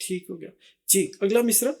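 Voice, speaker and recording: A man's voice: high voice, creaky, very noisy. A man hosting a casual chat, asking questions and summing up each answer. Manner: asks questions, repeats and sums up each answer. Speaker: host. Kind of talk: casual chat, explaining song lyrics.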